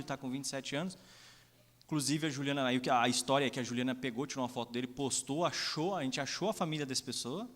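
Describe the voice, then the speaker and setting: Brazilian pastor telling stories in a reverberant church. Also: male voice, medium pitch. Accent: Brazilian Portuguese. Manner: storytelling, acts out dialogue, many "né?" asides. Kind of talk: sermon with personal stories. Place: church sanctuary. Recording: long reverb of a church hall.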